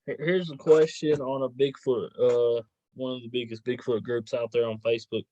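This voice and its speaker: A man's voice: medium pitch, fairly even intonation, moderate pace, warm tone. A man hosting a casual interview, reading out items and putting questions to his guest, on a lo-fi recording. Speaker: host, interviewer.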